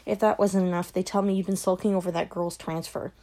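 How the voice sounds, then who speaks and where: A woman voicing a cold, controlling middle-aged mother in an audiobook, her words sharp and brittle. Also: fairly low pitch, steady tone, quick pace, lightly acted. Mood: scolding. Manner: sharp, brittle, dropping to a hiss. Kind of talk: audiobook character voice.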